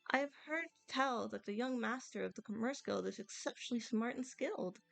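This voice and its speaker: A woman's voice: fairly high pitch, a little fast, vocal fry, a bit bright. A woman voicing a very old, apologetic village tea farmer in formal, courteous, old-fashioned phrasing, reading video game dialogue. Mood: earnest, worried. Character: polite, apologetic elderly village tea farmer, Grandpa Liu.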